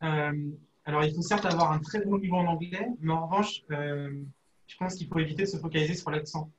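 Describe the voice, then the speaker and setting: A man's voice: fairly high pitch, steady tone, a little fast, echoey room, lo-fi sound, slight background noise. A man from France with a French accent, a former student speaking frankly and informally in a panel discussion over a video call. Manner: frank, informal, casual phrasing. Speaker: alumnus guest.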